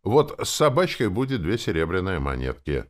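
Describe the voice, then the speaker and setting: A man voicing a pushy, cowardly middle-aged male cab driver who haggles loudly and whines in an audiobook. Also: medium pitch, very animated, moderate pace, pitched above the performer's own voice. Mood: wheedling. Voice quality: loud whiny haggling. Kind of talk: audiobook character voice.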